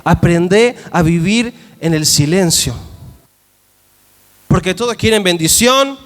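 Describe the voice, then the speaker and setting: High-voiced Rioplatense Spanish pastor preaching. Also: male voice, animated, takes it slowly, a bit bright. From Argentina. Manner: emphatic, asks the congregation questions. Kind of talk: sermon. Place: church hall. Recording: long church-hall reverb.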